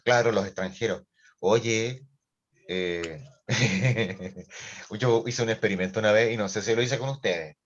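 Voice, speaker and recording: Animated Chilean man teaching online. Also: lowish voice, measured pace, muffled recording. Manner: animated, joking, colloquial. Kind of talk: online class discussion.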